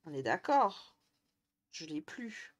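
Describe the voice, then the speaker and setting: A woman's voice: fairly low pitch, big pitch swings, slow. A young woman from the Jura chatting casually on a live stream, answering viewers' messages and laughing often. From Jura, France. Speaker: Twitch streamer.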